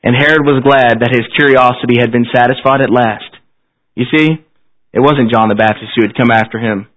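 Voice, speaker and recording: A man's voice: mid-range voice, steady tone, fairly quick, a bit bright. A man preaching at a pulpit microphone in a church service, solemn and exhortatory, using repetition and pointed phrasing. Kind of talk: sermon at a pulpit microphone, closing in prayer. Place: church service, speaking to a congregation. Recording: slightly dull, band-limited sermon recording.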